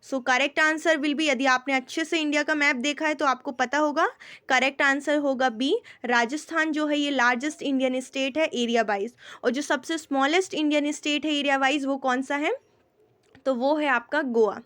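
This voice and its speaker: A woman with an Indian accent going through general knowledge questions as a teacher, mixing Hindi and English, often checking that students follow and slowing down to read each question. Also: high voice, steady tone, a bit bright. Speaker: quiz teacher. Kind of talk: explaining quiz answers.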